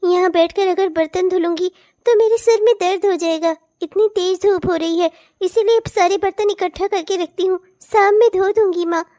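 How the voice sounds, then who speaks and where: A woman voicing a meek, mistreated young stepdaughter who pleads softly and sounds tearful. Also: very high voice, fairly even intonation, normal speed. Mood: pleading. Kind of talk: cartoon voice acting.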